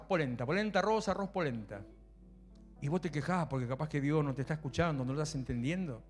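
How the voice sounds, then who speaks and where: A middle-aged man with a Rioplatense Spanish accent preaching a lively sermon, swinging between loud exclamations and quiet asides. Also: sits high. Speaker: pastor.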